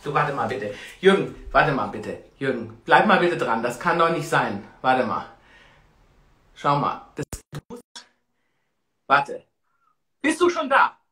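A woman in her forties hosting a casual live stream, chatting in an expressive, exclamatory way. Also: sits low, a little slow, long pauses. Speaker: host of a live-stream talk show. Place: small tiled room indoors.

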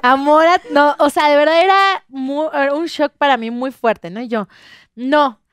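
A woman's voice: high-pitched, normal speed, no echo, studio quality. A young woman, a guest telling a story and acting out what people said. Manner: animated storyteller, acts out quotes. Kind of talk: casual chat.

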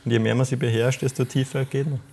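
A man's voice: mid-range voice, flat delivery, fast, gravelly, darkish tone. A man hosting an interview, asking reflective and thoughtful questions. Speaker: interview host. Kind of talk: conversational interview.

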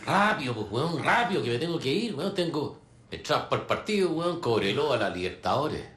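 An actor playing a brutal, mocking male soldier with a Chilean accent, coarse and slangy, breaking into yells. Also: fairly high pitch, sing-song, brisk, roomy sound. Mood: taunting. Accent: Chilean Spanish. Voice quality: coarse slangy bullying talk, swings to yelling. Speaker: military interrogator. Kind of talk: film drama.

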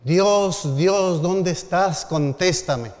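A man voicing a defiant skeptical middle-aged lawyer who shouts up to the heavens, in a sermon story. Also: medium pitch, steady tone, slow pace. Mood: shouting defiant. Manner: loud anguished calling out. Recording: long hall reverb.

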